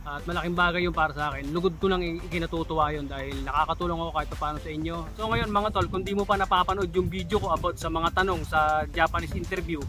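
A man's voice: a little high, fairly even intonation, fast, music in the background. A man in his thirties from the Philippines giving casual advice in a vlog, chatty, with emphatic warnings and a habit of calling his viewers "tol". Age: 30s. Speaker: vlogger giving job interview tips.

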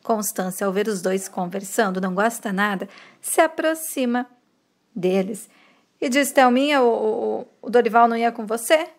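A woman from Brazil retelling a soap opera episode, reading out the characters' lines with lively shifts in delivery. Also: a little high, moderate pace.

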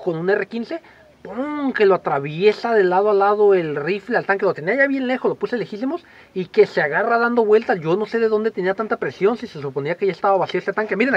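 A vlogger tells a personal story to the camera in a casual, animated way, acting out voices and shouting as he goes. His voice sits high, and the recording sounds muffled.

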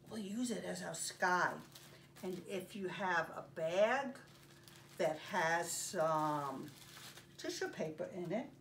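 A camera a few feet away captures an older woman in a carpeted living room presenting story time for little ones, reading aloud and doing a craft demonstration. She speaks in simple, deliberate, pause-filled phrases at a fairly high pitch. The mic sounds distant, with faint room noise.

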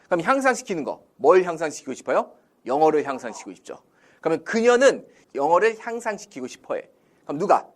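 Animated Korean English-teacher man. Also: a little high, fast talker. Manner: drills students with call-and-response questions; acts out Korean example sentences in a lively voice. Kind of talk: classroom-style language lesson.

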